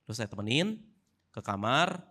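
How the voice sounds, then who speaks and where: A man's voice: medium pitch, very animated, normal speed, sharp tone. A man in his thirties with an Indonesian accent, telling a family story at church in an easygoing, humorous way and acting out the dialogue. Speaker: church speaker sharing testimony with his wife. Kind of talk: casual testimony in a church service.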